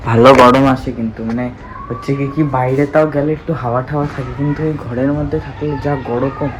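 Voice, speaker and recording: A man's voice: medium pitch, noisy background. A young man vlogging his day at home, chatting casually to viewers with lots of fillers. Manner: chatty, filler-heavy, addresses viewers as guys. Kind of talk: casual daily vlog. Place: home and outdoors. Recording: home recording with loud background ambience.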